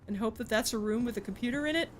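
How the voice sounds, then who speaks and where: A woman's voice: fairly high pitch, very fast, a little hiss or hum. A woman streamer commentating a puzzle game live, swearing and pleading in frustration.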